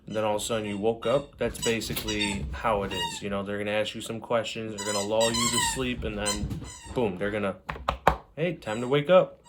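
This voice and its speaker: A man's voice: fairly low pitch, steady tone, a little fast. A man talking casually and unscripted to camera, giving advice from his own experience in a rambling, conversational way. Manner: rambling, conversational, repeats "you know". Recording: clearly noisy background with clicks.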